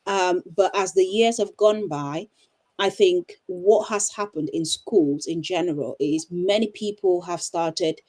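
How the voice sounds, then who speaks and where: A middle-aged woman from Cameroon, a teacher and coach, answering interview questions thoughtfully with frequent pauses and restarts over a video call. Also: fairly low pitch, a little mellow.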